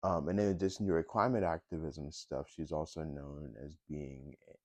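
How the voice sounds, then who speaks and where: A man's voice: extremely low pitch, steady tone, moderate pace, no echo. A young man talking in a casual personal vlog, hesitant, with many fillers and restarts. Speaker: vlogger.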